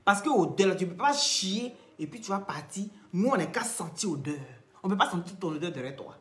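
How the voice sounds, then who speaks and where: Animated woman. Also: medium pitch, brisk, reverberant. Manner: animated, calls out viewers, repeats phrases. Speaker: live-stream host. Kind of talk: Facebook live gossip commentary.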